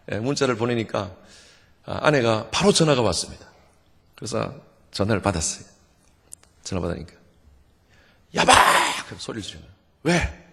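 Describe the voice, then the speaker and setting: A middle-aged male pastor preaching at a revival meeting, lively and joking, having the congregation repeat after him. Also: medium pitch, creaky, husky. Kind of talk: sermon. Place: church sanctuary. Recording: long church hall reverb.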